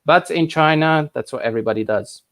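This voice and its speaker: A man's voice: fairly high pitch, brisk. A man born in Hungary and raised in England, hosting a casual live stream and chatting in a rambling way with lots of restarts and asides. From Hungary, raised in England from thirteen. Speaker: livestream host answering viewer questions.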